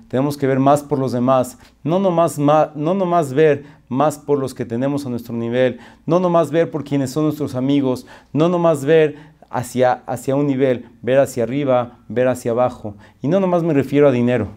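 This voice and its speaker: A man's voice: mid-range voice, mellow. A man, a religious speaker giving an earnest moral storytelling talk. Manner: earnest, repetitive exhortation.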